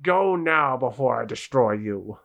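Give the voice of a stern undead skeleton as acted out by a man at a game table. It speaks slowly and solemnly, in formal phrases. It is a menacing guardian in a tabletop fantasy game. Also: mid-range voice, lively intonation, vocal fry, fairly bright tone, dull audio.

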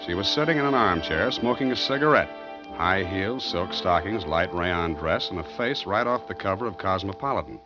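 A hard-boiled private eye, dry, wisecracking and a bit weary, with a lively, animated delivery. A muffled old radio recording with music behind him. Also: male voice, sits low, normal speed. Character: wry, tired hard-boiled male private detective. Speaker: narrator and lead. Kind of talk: 1940s radio acting.

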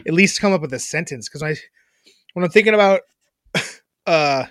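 A young woman co-hosting a podcast talks in loose, casual chat. She curses freely and laughs off her own blunders. Her pitch rises and falls a lot, and the sound is dry and close. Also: lively intonation, normal speed, no room sound. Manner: self-mocking, swears freely, laughs at herself. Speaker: podcast co-host.

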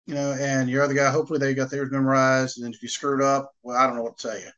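A man of middle pitch co-hosts a casual podcast, talkative and quick to laugh. He leans on "you know" fillers as he goes. The recording sounds dull and lo-fi. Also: level tone, fairly bright tone. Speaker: podcast co-host. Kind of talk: casual chat. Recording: dull lo-fi audio.

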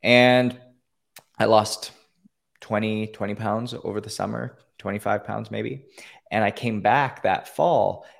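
A man's voice: fairly low pitch, steady tone, slow, vocal fry. A man from Canada, a podcast guest calling in, earnestly telling his own story with many fillers and restarts. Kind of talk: personal story in an interview. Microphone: call-in line.

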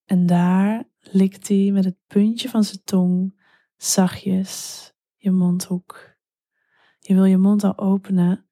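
A woman telling an intimate story in whispered role-play, slow and hushed. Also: medium pitch, no room sound, clean studio sound.

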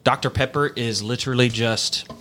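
A man's voice: medium pitch, fairly even intonation, normal speed, pushed and bright, a little hiss or hum. A man co-hosting a casual podcast chat with friends, blunt and swearing freely. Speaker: podcast co-host.

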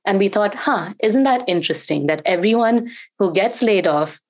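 A woman's voice: mid-range voice, expressive, normal speed. A woman guest telling her story in an earnest, reflective way during a casual interview.

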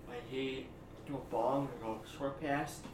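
A man's voice: medium pitch, fairly even intonation, a little slow. A man chatting casually about sports as a podcast co-host, his articulation thick and muffled as if his mouth were full of peanut butter. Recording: distant, echoey room with clear noise.

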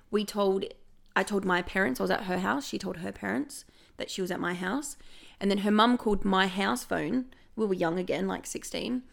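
A young adult woman, a podcast guest telling stories in casual chat, animated and swearing often. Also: mid-range voice, vocal fry. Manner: animated storytelling, frequent swearing.

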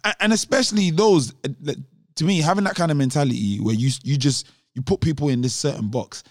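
A man's voice: on the high side, quick pace, no echo, studio quality. A young man with a London urban roadman accent, chatting casually on a podcast in a slangy, emphatic, argumentative way. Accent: London urban roadman (Multicultural London English). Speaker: podcast co-host.

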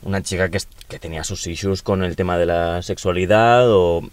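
A man's voice: deep voice, steady tone, brisk, smooth. A young man, joking crudely and laughing often in a casual podcast chat. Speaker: podcast co-host.

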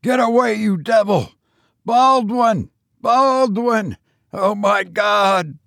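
A man voicing a scheming male cousin who shouts in rising terror at an animal turning on him. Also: high-pitched, slow pace, gravelly, no echo, studio quality, pitched above the performer's own voice, full character voice. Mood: terrified. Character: scheming middle-aged male cousin, panicking as his beast turns.

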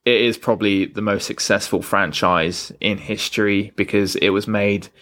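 Lower-voiced man hosting a casual podcast. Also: steady tone, moderate pace, a bit bright. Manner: casual, rambling, with fillers and self-corrections. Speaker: podcast host. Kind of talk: solo film podcast monologue.

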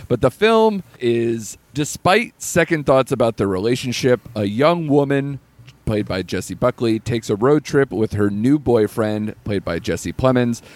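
On a laid-back film review podcast, the host, a man with a fairly low, slightly mellow voice, keeps laughing while he reads through the plot of a new movie. There's no room sound.

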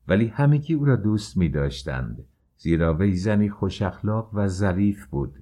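A man narrating a classic novel as an audiobook, reading in a measured, even way. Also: sits low.

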